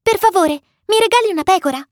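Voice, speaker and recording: A woman voicing a tiny, curious, cheerful alien boy prince in a storybook reading, with a high, excited, childlike manner. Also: quick pace, no room sound, clean studio sound. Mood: eager childlike.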